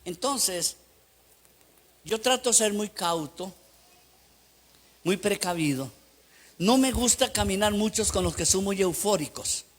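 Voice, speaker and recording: A middle-aged man with a Costa Rican accent preaching a sermon as pastor, emphatic and telling lively anecdotes. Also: high voice, slow pace, pauses often. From Costa Rica.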